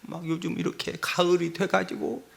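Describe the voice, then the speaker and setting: A male pastor preaching a sermon in an animated, comic way, often calling out to the congregation. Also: sits high, normal speed, creaky.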